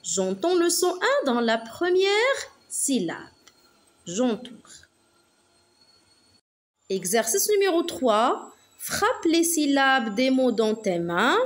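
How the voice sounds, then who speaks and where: A woman teaching a phonics lesson to young children, saying each word slowly and carefully and repeating it twice. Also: high voice, big pitch swings. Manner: slow, carefully articulated, repeats words twice. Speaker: primary school teacher.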